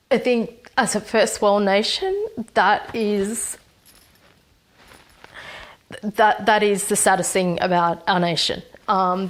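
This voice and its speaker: A young woman from Fiji, a program manager, giving a hesitant, earnest talk from home with many pauses and fillers. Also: medium pitch. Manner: hesitant, many ums and restarts. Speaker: social impact program manager. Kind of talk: recorded personal talk from home.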